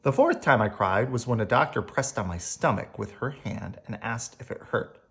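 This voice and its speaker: An adult reads a picture book aloud to children, telling the story expressively. The voice is mid-range with vocal fry and moves at a normal speed.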